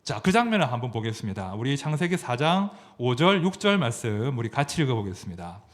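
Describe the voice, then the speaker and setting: A man's voice: mid-range voice, big pitch swings, fairly quick. A man, a pastor, preaching a sermon, asking the congregation questions as he goes.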